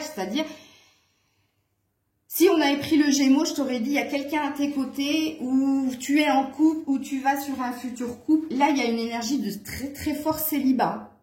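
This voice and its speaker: A woman's voice: fairly high pitch, darkish tone. A woman giving a casual tarot reading to her viewers, chatty and hesitant, with many fillers. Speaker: tarot reader. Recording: echoey room.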